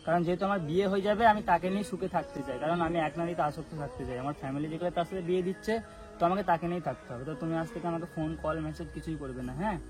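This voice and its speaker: Over loud music, a prank vlogger racing along in a slightly high voice acts out a serious phone conversation. He's casual yet serious, hammering his points with repeated rhetorical questions.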